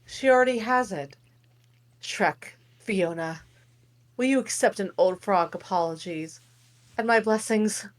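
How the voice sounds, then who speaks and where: A woman reading the part of a remorseful old king who has been turned into a frog, in an amateur table read. She speaks earnestly and haltingly. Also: mid-range voice, natural voice. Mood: apologetic.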